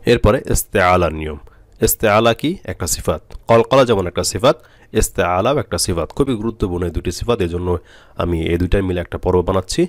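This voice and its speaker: Speaking quickly in a deep, expressive voice, a man leads a step-by-step Quran recitation lesson, spelling out letters and repeating syllables so his students can drill them. The recording has no echo.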